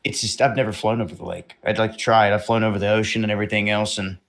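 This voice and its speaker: A man's voice: on the low side, little pitch movement, rapid-fire, a bit bright. A man hosting a live stream, talking in a rambling, opinionated way about world news and drones, swearing casually. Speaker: livestream host.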